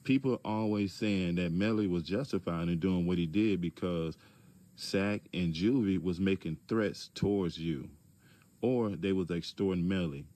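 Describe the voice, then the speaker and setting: A man speaking calmly but pointedly in direct-address video commentary, asking rhetorical questions, with features. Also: low-pitched, dry recording. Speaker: commentator addressing a public figure.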